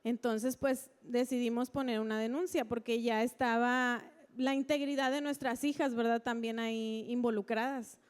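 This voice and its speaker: A woman's voice: a little high, steady tone, moderate pace, hardly any pauses, clear, resonant tone. A woman giving a personal testimony to a church congregation, chatty and full of fillers. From Mexico. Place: church service.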